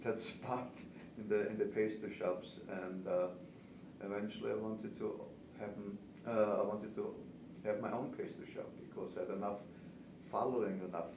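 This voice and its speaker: A man in his seventies, a native German speaker with an Austrian accent, talks conversationally as a veteran pastry chef and cake instructor answering interview questions. His voice is lowish, with fairly even intonation and a normal speed. The recording is distant, roomy and noisy.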